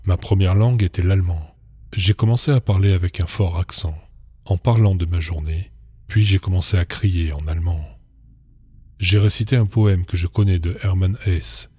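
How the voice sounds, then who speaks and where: Male horror narrator with a very low, dark voice, calm and measured reading. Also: breathy edge, no room sound.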